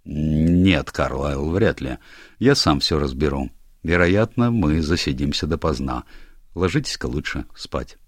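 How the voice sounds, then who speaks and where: Man reading stern older male minister, curt, commanding, very low voice, dry sound. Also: animated, unhurried, no room sound, heavily acted. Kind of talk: audiobook character voice.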